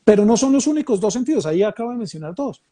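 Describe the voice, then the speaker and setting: This Mexican-born man, raised in Colombia, guides a reflective conversation, thoughtfully working through ideas and frequently restating phrases. He talks rapid-fire in a high, dark-toned voice with big swings in pitch.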